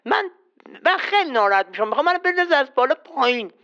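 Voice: sits high, big pitch swings, sharp tone, highs cut off, heavily acted. A performer voicing a childish, easily offended man who says L in place of R, in a children's quiz skit. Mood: silly. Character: silly round man who can't say R. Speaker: quiz contestant.

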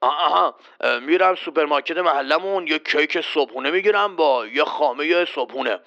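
A performer voicing a gruff, boastful man in a children's quiz skit, bossy and quick to threaten the host. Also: mid-range voice, lively intonation, fairly bright tone, dull audio. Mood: cocky. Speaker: quiz contestant.

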